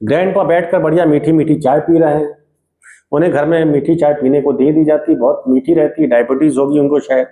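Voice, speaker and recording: A male teacher retelling a textbook story in a casual lesson, often pausing to check in with his listeners. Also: on the high side, steady tone, dark tone. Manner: casual storytelling with frequent check-ins like "okay". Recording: echoey room.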